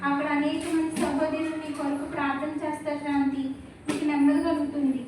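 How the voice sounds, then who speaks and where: Brief: woman voicing a consoling church friend, high voice, distant echoey room with noise. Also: flat delivery, brisk, close to an everyday voice. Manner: gentle, consoling. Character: kind churchgoing female friend. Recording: echoey room from far off, noisy.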